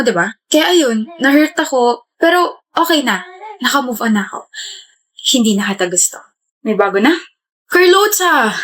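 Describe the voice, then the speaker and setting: Filipina woman doing pov skits, kinda high voice, hops between characters. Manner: switching between playful characters in Taglish. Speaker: comedy skit creator. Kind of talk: scripted POV skit acting.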